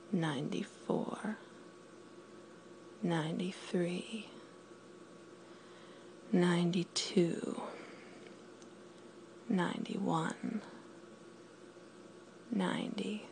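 Slow, gravelly, commanding woman. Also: lowish voice, darkish tone, a little hiss or hum, rough recording. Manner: commanding, teasing, often whispered; slow counting down. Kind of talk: intimate audio roleplay.

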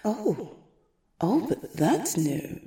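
A woman voicing an obsessive, unhinged female stalker in a whispered audio roleplay, crooning slowly and intimately in a breathy voice. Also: very animated, mellow, exaggerated voice. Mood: doting whisper. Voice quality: breathy whisper with creaky low tones. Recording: roomy echo.

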